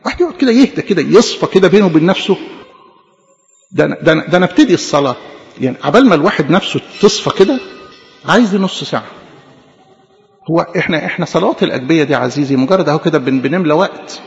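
An Egyptian man preaches a sermon in a high, gravelly voice at a quick clip, acting out little back-and-forth exchanges and hammering words by repeating them. The sound is dull and lo-fi, carrying the long echo of a church hall. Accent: Egyptian Arabic. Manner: animated, acts out quick imagined dialogues, repeats words for emphasis. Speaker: priest.

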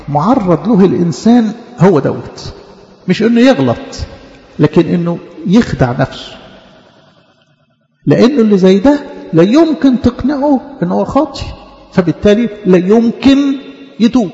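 A man's voice: high voice, sing-song, moderate pace, pauses often, warm tone. A man preaching a sermon in an Egyptian Arabic accent, teaching earnestly and repeating his points. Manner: earnest, repetitive teaching cadence with acted quotations. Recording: dull echoey church hall.

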